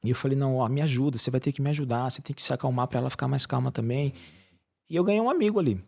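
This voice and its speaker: A man's voice: mid-range voice, racing, creaky. A middle-aged Brazilian man, a surgeon, chats as an interview guest. He tells stories earnestly and acts out the voices of the people in them. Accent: Brazilian Portuguese. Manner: earnest storytelling with lively acted quotes. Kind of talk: casual interview chat.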